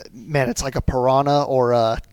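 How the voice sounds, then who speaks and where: A man in his late twenties hosting a podcast, relaxed and agreeable, and he rambles a little. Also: mid-range voice, a little slow, clean tone, no room sound. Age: 20s. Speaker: podcast host. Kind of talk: casual podcast chat.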